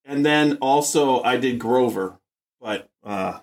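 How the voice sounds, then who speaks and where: A man's voice: mid-range voice, slow. A man co-hosting a podcast in casual chat, joking and laughing often. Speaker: podcast co-host.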